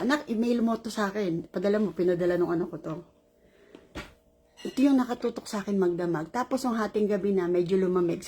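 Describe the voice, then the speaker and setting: A woman's voice: mid-range voice, a little hiss or hum. A middle-aged woman caregiver, tired after a long shift, telling a rambling story in a casual vlog. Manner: rambling, animated retelling with laughs.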